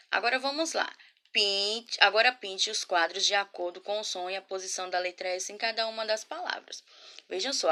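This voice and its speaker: Woman teacher, bright clear tone, patient and warm with young pupils, spells words out slow. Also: mid-range voice. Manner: affectionate, asks many guiding questions. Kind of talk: remote class lesson. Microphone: laptop or phone camera.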